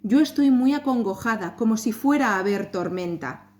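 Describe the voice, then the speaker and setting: A woman's voice: a little high, expressive, moderate pace, darkish tone, lightly acted. A woman voicing a frightened stepmother in an anxious, pleading tone. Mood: dread. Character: frightened stepmother, feverish with dread.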